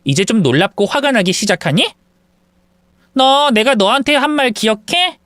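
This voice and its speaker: A woman's voice: a little high, lively intonation, moderate pace, a bit bright, no room sound, clean studio sound. A woman playing a gloating, vindictive rival. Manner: taunting, smug, cruel. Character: gloating vindictive young woman, husband-stealer. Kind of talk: acted phone quarrel in a story video.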